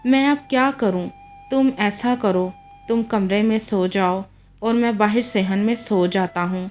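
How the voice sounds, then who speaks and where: A woman's voice: mid-range voice, unhurried, darkish tone, a little hiss or hum, lightly acted. A woman voicing a young husband, defensive and pleading, in a read-aloud story. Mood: regretful. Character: young husband, quick-tempered then regretful.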